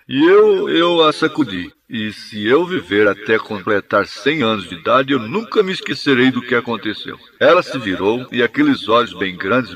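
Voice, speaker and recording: A man's voice: mid-range voice, fairly bright tone. Man reading a translated sermon evenly. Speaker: sermon interpreter.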